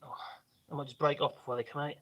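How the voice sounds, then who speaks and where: A man with a slightly mixed Norfolk English accent and a squeaky voice, chatting casually and ramblingly as he hosts a livestream. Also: little pitch movement, quick pace, no room sound. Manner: rambling, chatty, self-interrupting. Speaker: livestream host doing DIY work.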